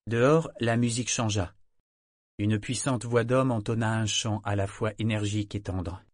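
A man narrating an audiobook in a calm, measured reading style. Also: fairly low pitch, no room sound, studio quality.

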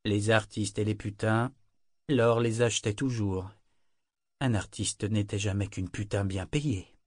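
A man reading a fantasy novel aloud in steady, scripted narration. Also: lowish voice, measured pace, no room sound, clean studio sound. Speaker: audiobook narrator.

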